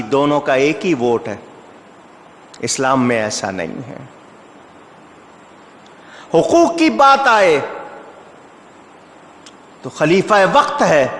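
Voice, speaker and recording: A man's voice: fairly high pitch, a bit bright. A male Islamic preacher giving a sermon, telling stories with emphatic rises and asking the audience rhetorical questions. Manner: storytelling with rising emphatic outbursts. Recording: echoey hall reverb.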